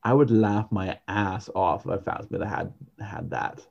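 A man co-hosting a podcast, talking in a loose, rambling way, full of "um" and restarts. His voice is mellow and dark. The recording sounds dull and lo-fi. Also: sits low, moderate pace, gravelly. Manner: rambling, with many fillers and restarts. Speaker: podcast co-host. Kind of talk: casual chat.

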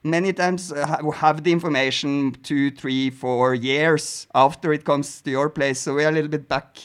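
Scandinavian man, hesitant and higher-pitched. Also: steady tone, moderate pace, clean tone. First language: Scandinavian language. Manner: hesitant, self-deprecating, frequent restarts. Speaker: podcast host. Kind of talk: casual podcast chat.

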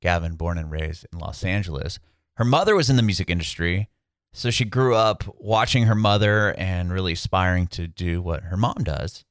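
A man's voice: deep voice, animated, normal speed, smooth, dry recording, studio quality. A man hosting a music podcast, chatting casually and upbeat over a video call, with short friendly affirmations. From San Diego, Southern California. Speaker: podcast host. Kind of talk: casual interview chat.

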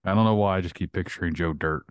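A man's voice: deep voice, quick pace, clean tone, no echo, clean studio sound. A man hosting a podcast, ranting bluntly with heavy swearing in casual chat. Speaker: podcast host.

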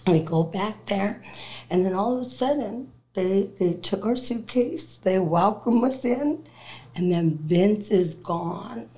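A woman telling her personal testimony as a guest, animated, acting out the voices of people in her story and laughing as she talks. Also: mid-range voice, slow pace. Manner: animated, acts out quoted dialogue. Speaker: interview guest.

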